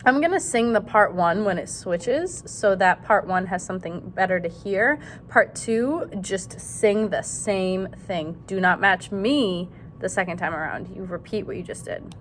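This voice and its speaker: Teaching her students a song, this music teacher chats casually, corrects herself along the way and sings syllables to show how it goes. She has a fairly bright, expressive mid-range voice and speaks at a measured pace over slight background noise.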